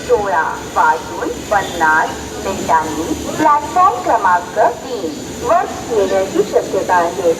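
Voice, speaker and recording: A woman giving a recorded train announcement over a station loudspeaker, formal and slow, her pitch leaping between stitched-together words. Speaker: railway announcer. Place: outdoor railway platform. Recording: echoey loudspeaker from far off, loud platform noise. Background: trains and station bustle.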